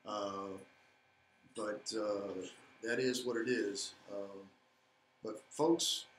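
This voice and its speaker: Earnest man, echoey room. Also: mid-range voice. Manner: earnest, hesitant with fillers, says "okay?" often. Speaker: co-host of a local civic live stream. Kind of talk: casual talk, addressing viewers. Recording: echoey room with faint background noise.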